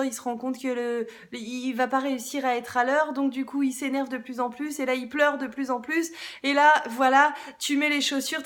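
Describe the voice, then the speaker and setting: A woman's voice: high-pitched, a bit bright. A woman in her thirties, a mother telling a story about her morning in a casual vlog, talking straight to the viewer with lots of hesitations. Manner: chatty and hesitant, many fillers, addresses viewer directly. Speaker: parenting vlogger, mother.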